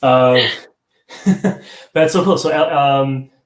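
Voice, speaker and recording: This man hosts a live online theater talk show through a video call, his medium-pitched voice moving slowly, with a little hiss or hum in the background. The casual chat rambles, full of restarts and chuckles. The video call stream has a roomy echo.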